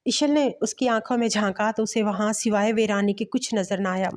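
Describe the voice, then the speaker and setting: A woman's voice: medium pitch, normal speed. Woman reading a bedtime romance novel. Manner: steady reading. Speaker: storyteller.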